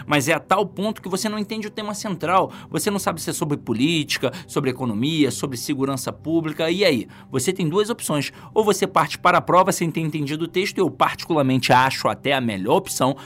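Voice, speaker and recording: A man with a Brazilian accent teaching an exam-prep lesson in a casual, joking way, asking himself questions as he goes. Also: fairly high pitch. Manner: lively, joking, asks himself rhetorical questions.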